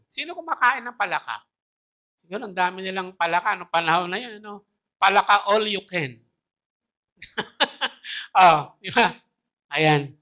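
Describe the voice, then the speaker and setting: Bright, lively woman preaching in church. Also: medium pitch. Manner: animated, chatty preaching with laughs and rhetorical questions. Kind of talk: sermon.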